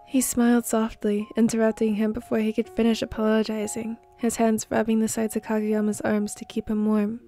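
A woman narrates a fan fiction story aloud in a soft, steady voice that sits a little high but barely moves in pitch. Her mellow tone runs fairly quick with hardly any pauses, over faint background music.

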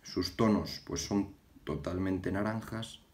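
A young man from Galicia hosting a casual fly-tying tutorial, talking haltingly and repeating words as he works with his hands at an indoor bench. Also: low-pitched. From Galicia, Spain. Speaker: fly-tying channel host.

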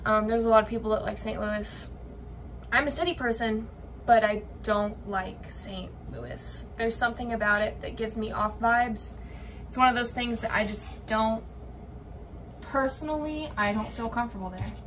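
Recorded off-mic by a camera on her kitchen counter, a young woman talks to viewers as she cooks, her voice a little high and slightly bright at a moderate pace. She's a vlogger whose casual meal-prep chat wanders, full of likes and ums, and the low-quality audio carries clear room noise.

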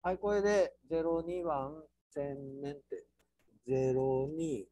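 A man with a Kansai accent teaching an architecture class through a software task, playful, with sound words and mock squeals. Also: fairly high pitch, takes it slowly, no room sound. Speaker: architecture instructor.

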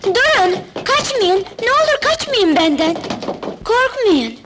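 A woman dubbing a sweet, gentle young princess in a film, speaking kindly and with wonder. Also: extremely high pitch, very animated, normal speed, very noisy. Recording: dubbed film soundtrack with music.

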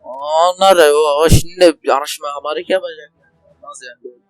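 High-voiced young man ranting over gameplay. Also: fast, faint music behind. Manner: rambling, swears and rants at the game in frustration. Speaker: gaming channel host. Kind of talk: casual let's play commentary. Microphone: desk microphone.

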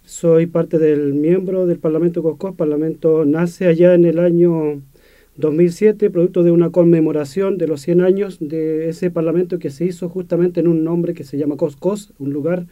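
A man, a community representative, explaining his organization in halting phrases with self-corrections. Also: a little high, fairly even intonation, warm tone. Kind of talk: radio interview answer. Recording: dull lo-fi sound.

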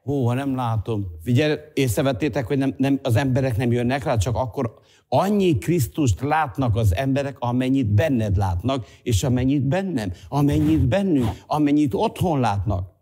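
A male pastor preaching a sermon, swinging between loud urging and soft, hushed asides. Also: mid-range voice, breathy edge. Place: church hall.

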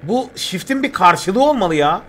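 A young man streaming a survival game live, chatting with viewers and yelping in excitable bursts of panic as he plays. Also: sits high, measured pace. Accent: Turkish. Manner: excitable, yelps and repeats words when panicking. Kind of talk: live gameplay commentary.

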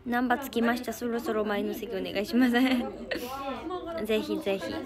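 Teen girl, Kansai accent, fairly high voice, livestream chat host reading comments, loud crowd noise behind. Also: normal speed. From Japan. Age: teens. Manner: chatty, thanks viewers often, giggles.

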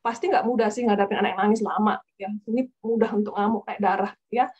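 A woman's voice: mid-range voice, steady tone, quick pace, darkish tone, slightly rough, dull audio. A woman giving direct, casual advice to parents over a video call, addressing the audience as Bapak Ibu. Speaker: evangelist speaker. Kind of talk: webinar talk to parents.

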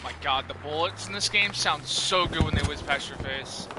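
An excitable man gives casual, rambling commentary while he plays, swearing freely. His voice sits a little high for a man. Loud gunfire and engines roar behind him. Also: normal speed. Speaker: gamer. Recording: loud game audio behind voice. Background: gunfire and engine noise.

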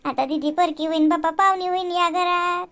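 A woman's voice: very high voice, steady tone, a little fast, fairly bright tone, faint music behind. A woman voicing a tearful, doting village mother in a cartoon. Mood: tender.

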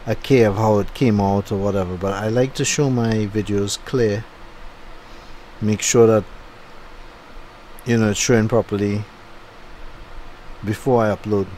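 Poor audio with slight background noise carries a lowish, darkish male voice, fairly even in intonation and unhurried, with long pauses. The middle-aged YouTuber is at home after the drive, rambling over his footage and thinking aloud with fillers.

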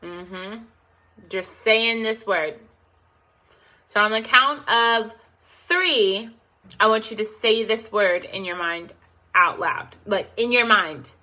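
A woman's voice: medium pitch, slow, sharp tone. A woman hosting a self-help video, coaxing viewers through a call-and-response affirmation exercise with encouraging murmurs.

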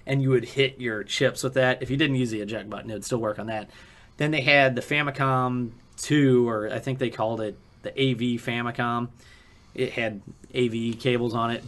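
A man's voice: mid-range voice, fairly bright tone. A man co-hosting a podcast in casual chat, explaining technical gear at length with many fillers. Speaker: podcast co-host.

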